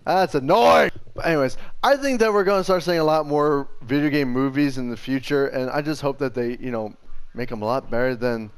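A man with a smooth, mid-range voice talks briskly while hosting a gaming channel. Chatting casually over gameplay, he's enthusiastic and throws in plenty of slang and swearing.

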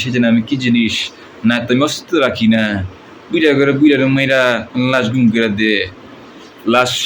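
A man voicing a menacing, swaggering movie villain gang boss with a Bangladeshi accent and drawn-out threatening taunts. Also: mid-range voice, lightly acted. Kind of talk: film villain dialogue mimicry. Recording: noisy amateur recording.

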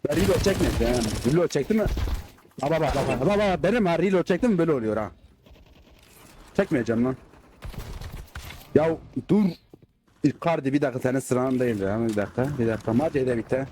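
A man doing casual gameplay commentary, excitable and swearing when the game frustrates him, slipping into dialect when angry. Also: medium pitch, fast, long pauses, slight background noise. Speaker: gaming YouTuber. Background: faint game gunfire.

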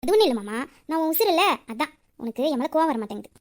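A woman playing a quick, teasing young woman. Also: high voice, sing-song, a little mellow. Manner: coaxing, teasing, quick banter. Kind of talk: romantic audio drama.

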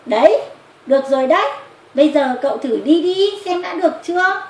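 A woman's voice: high voice, expressive, brisk. A woman voicing a friendly, helpful young elephant schoolmate, eager and childlike, in a children's puppet story. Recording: roomy echo with clear background noise.

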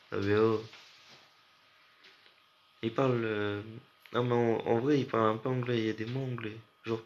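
A young man from France, sleep-deprived, chatting with viewers on a late-night stream in a rambling, slangy way. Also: on the low side. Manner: rambling, slangy, talks straight to chat. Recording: muffled lo-fi audio with faint hiss.

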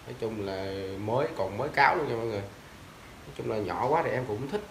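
Young man, casual seller pitch, loose and chatty, mid pitch, recorded on a phone in an echoey tiled room. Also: fast, a little hiss or hum. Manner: loose and chatty, fumbling for brand names, often calling out to viewers. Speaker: seller of used fishing gear. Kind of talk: casual sales talk to camera. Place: tiled indoor floor of a house, sitting down.

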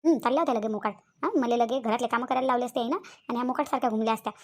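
A woman's voice: a little high, very fast, close to an everyday voice. A woman with a Vidarbha Marathi accent voicing an ailing, complaining old mother-in-law who grumbles and scolds in a cartoon. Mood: scolding. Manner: grumbling, self-pitying, scolding. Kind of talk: cartoon voice acting.

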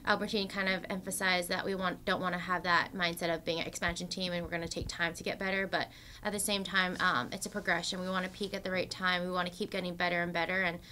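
A young woman speaks at a post-match press conference. Her voice is bright and level, with little rise and fall. She fills pauses with frequent "um"s, and a faint room hum sits behind her. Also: on the low side. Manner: steady, filler-heavy answers with many "um"s. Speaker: soccer defender at a press conference. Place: press room in front of a sponsor backdrop.

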